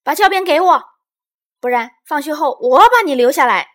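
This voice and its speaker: A woman's voice: a little high, lively intonation, moderate pace, pitched above the performer's own voice. A woman playing a bratty little bear cub girl. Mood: angry. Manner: indignant, shouty.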